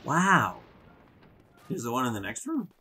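Husky, bright-voiced goofy gamer guy. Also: medium pitch, wildly swooping pitch, a little slow. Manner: goofy, jokey banter. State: tired. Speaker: let's play co-host. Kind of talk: casual gameplay chat.

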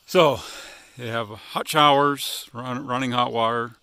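Holding his phone camera, a middle-aged man films his trail vlog while walking, chatting loosely about his hike past a rural hostel and across open hilltop meadows. He's relaxed and rambling, full of fillers and trailing pauses, his mid-range voice smooth with no room sound.

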